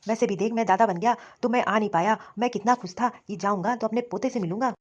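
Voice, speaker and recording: Stern protective old father-in-law for a cartoon, voiced by a woman, fast scolding delivery, dull dry lo-fi sound. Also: mid-range voice, dry recording, lightly acted. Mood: outraged. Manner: scolding, commanding. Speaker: cartoon voice actor. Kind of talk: storybook cartoon dialogue.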